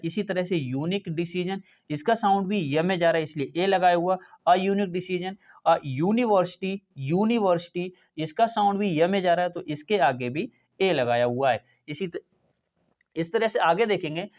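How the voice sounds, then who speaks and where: A man, explaining a grammar lesson as a teacher, repeating words and answering his own questions. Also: high-pitched. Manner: repeats words slowly, asks and answers himself. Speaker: English teacher. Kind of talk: classroom explanation.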